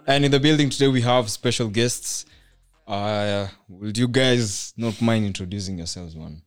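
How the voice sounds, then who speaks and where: Male podcast host, lowish voice, casual chat, slangy code-switching. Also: normal speed. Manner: slangy, mixes English and Swahili.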